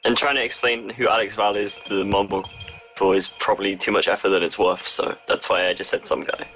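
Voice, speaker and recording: A man's voice: on the low side, level tone, a little fast, a bit bright, soft background music, rough recording. A man with a British accent chatting casually with dry humor and casual swearing. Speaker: co-commentator. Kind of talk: casual chat.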